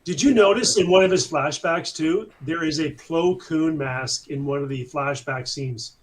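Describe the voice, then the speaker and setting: Excitable higher-voiced man. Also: unhurried, a crowd in the background, poor audio. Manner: excitable, stumbles over words. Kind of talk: casual chat.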